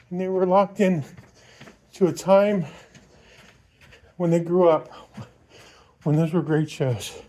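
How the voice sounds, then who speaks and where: A man with a high voice and a soft, mellow tone records a casual vlog while running. He rambles informally through his opinions, thinking aloud as he goes. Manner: talking while out on a run. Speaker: vlogger.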